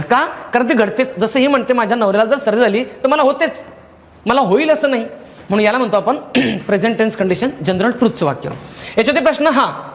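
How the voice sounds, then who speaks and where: Man, very high voice, grammar lesson, patient, repeats points. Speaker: English grammar teacher. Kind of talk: classroom lecture.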